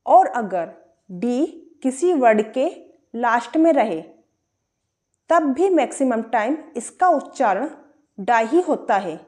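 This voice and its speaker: A woman's voice: a little high, sing-song, slow, warm tone. A woman teaching English pronunciation, spelling words out letter by letter and asking and answering her own questions. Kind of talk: explaining pronunciation rules.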